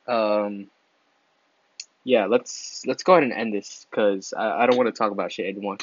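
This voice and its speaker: A man's voice: fairly low pitch, fairly even intonation, normal speed, muffled recording, slight background noise. A teenage boy vlogging casually, crude and rambling, laughing mid-sentence and stumbling over his words. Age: teens.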